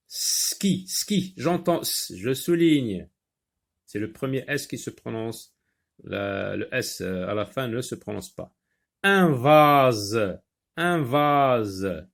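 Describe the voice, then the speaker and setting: A man teaching an early reading lesson. He stretches words out slowly, repeats them, and asks himself questions as he works through examples for young learners. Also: medium pitch, vocal fry, darkish tone.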